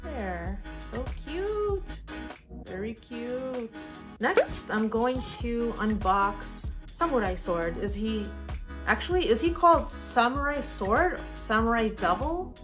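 A young adult woman unboxes collectible figures for her vlog in her living room, chatting casually to viewers, gushing over cute things and talking to the objects as she handles them. Her voice is fairly high with lively intonation, and she speaks slowly. Background music plays.

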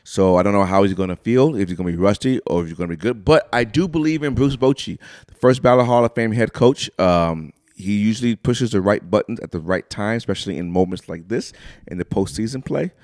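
A male podcast co-host in casual sports chat, his voice swinging widely up and down as he pitches his takes straight to the listeners. He sounds close on a studio mic, in a dry room with no echo. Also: a little fast. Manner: lively, hyped, talks straight to listeners. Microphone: studio microphone.

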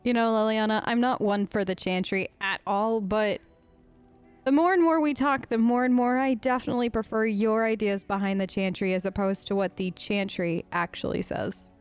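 A woman hosts a role-play let's play, speaking in character as her game persona and musing aloud as she goes in casual commentary. Her mid-range voice is steady and smooth at a normal speed, with faint music in the background.

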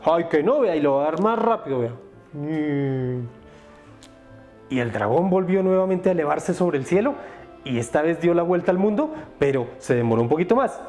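A storyteller voicing a boastful, lazy male dragon in a storybook, with a cocky, chuckling, slangy drawl, in a lively sing-song delivery. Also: medium pitch, moderate pace, soft background music, close to an everyday voice.

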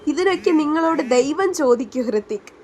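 A woman's voice: high-pitched, expressive, moderate pace, a little mellow. Woman reading as a heartbroken young woman. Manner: hurt, pleading.

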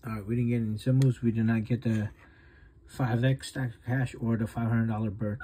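A man with the hiccups casually narrating as he scratches lottery tickets, reading off the numbers one at a time in a low-key way. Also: little pitch movement, a little fast, warm tone, a little hiss or hum. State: has the hiccups.

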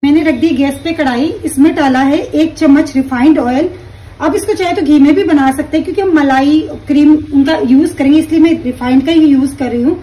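A woman calmly explaining each step of a recipe while she cooks at her stove at home. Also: high-pitched, fairly quick, far from the mic, rough recording. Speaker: home cooking teacher. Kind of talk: step-by-step cooking instruction.

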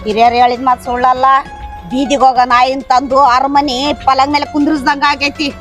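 A woman's voice: sits high, little pitch movement, fairly quick, fairly bright tone, faint music behind. A woman with a North Karnataka accent playing a harsh, scolding stepmother-in-law in a village family drama skit. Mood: scornful. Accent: North Karnataka Kannada. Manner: taunting, scolding.

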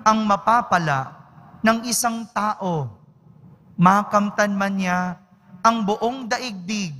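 Slow-speaking priest in an echoey church. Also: male voice, high-pitched, sharp tone. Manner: slow, measured, solemn delivery. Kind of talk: Mass gospel reading and homily. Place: large church.

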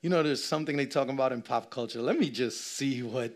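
A man in his thirties preaching a lively sermon on a church stage, swinging from shouts to low asides and acting out little scenes. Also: quick pace. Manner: animated preaching, shifting between loud shouts and low asides. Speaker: pastor. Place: church stage with a seated audience.

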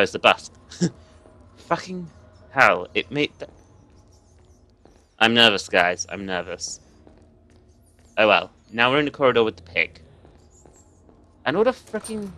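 Jittery swearing young man, bright tone. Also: mid-range voice. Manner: nervous, swearing, laughing, talking to viewers. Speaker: gaming video host. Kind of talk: horror game let's play commentary.

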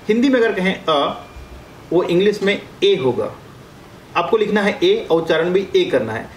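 High-voiced man teaching in an echoey room. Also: slight background noise. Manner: explains step by step, addressing viewers as friends, drawing out vowel sounds. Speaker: career coach teaching English. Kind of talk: classroom-style lesson.

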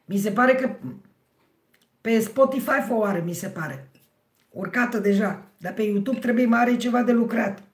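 A middle-aged woman with a hoarse, husky voice, hosting a livestream and chatting with her viewers by name. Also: on the high side. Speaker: livestream host. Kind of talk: casual livestream chat with viewers. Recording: roomy, echoey sound.

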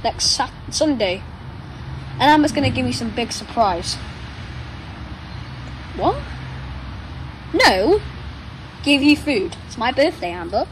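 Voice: high-pitched, big pitch swings, slow pace, pauses often. A nine-year-old child chatting casually and playfully to a pet dog, rambling affectionately, recorded outdoors. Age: child, nine years old. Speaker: young vlogger talking to a pet dog. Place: outdoors on a patio chair. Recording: noisy outdoor ambience.

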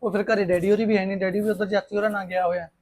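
A man's voice: sits high, little pitch movement, darkish tone. An actor playing a protective, practical man who talks firmly and reassures. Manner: brisk, firm, reassuring. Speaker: protective elder brother figure. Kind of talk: Punjabi web-series acting.

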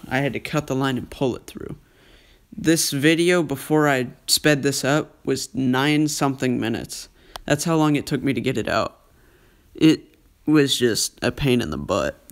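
A man giving casual commentary on a fishing trip from a small boat, talking to viewers and to the fish. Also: medium pitch. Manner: relaxed, talks to the fish and viewers. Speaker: fishing vlogger. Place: small boat on a lake, outdoors. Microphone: action camera on the boat.

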